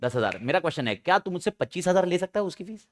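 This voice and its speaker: A young man with a high voice and an Indian accent leads a classroom lecture. He talks lively and animated. He keeps breaking into playful mock exchanges between students and parents to make his points. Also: rapid-fire.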